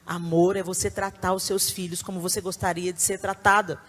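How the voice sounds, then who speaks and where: A middle-aged woman with a Brazilian Portuguese accent, preaching to a conference audience with emphatic, animated delivery and sudden loud bursts. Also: lowish voice, fairly quick, faint music behind. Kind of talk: sermon. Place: conference hall before a live audience.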